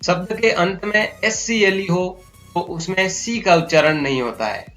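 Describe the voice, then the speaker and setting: Rajasthani hindi guy teaching english sounds, spells letters out slow, high bright voice, faint music behind. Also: animated. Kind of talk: spoken English pronunciation lesson.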